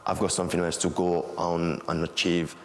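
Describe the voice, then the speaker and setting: A man's voice: low-pitched, little pitch movement, normal speed, slight background noise. A man in his twenties from Guinea, talking casually in an interview about his football past, with many "like, you know" fillers. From Guinea, West Africa. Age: 20s. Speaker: interviewee, former academy footballer.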